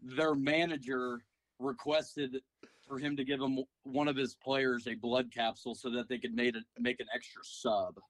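Young male co-host, mid-pitch, hesitant, casual storyteller. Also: flat delivery, normal speed, poor audio. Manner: hesitant, many fillers and restarts. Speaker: podcast co-host. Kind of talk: casual chat.

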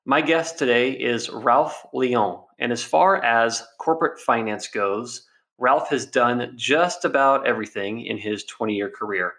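Male podcast host, mid-range pitch, friendly interviewer. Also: measured pace, fairly bright tone. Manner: friendly, steers with questions.

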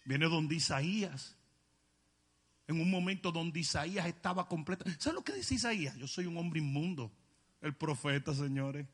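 Preacher guy, high gravelly voice, shouting and joking, echoey hall. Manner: emphatic, often shouting, joking. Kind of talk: sermon.

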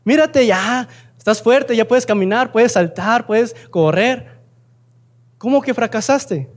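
A man doing the calm, fatherly Lord. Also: very high voice, takes it slowly. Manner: calm, instructing.

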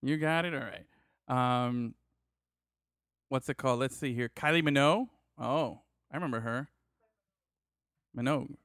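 A man hosting a casual chat, excitable and quick to exclaim, swinging between loud outbursts and low mutters. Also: smooth, no room sound, clean studio sound. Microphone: studio microphone.

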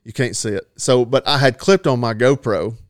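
A man's voice: medium pitch, moderate pace, dry recording, clean studio sound. A man telling a long hunting story in a rambling, folksy way, laughing at himself now and then. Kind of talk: casual storytelling.

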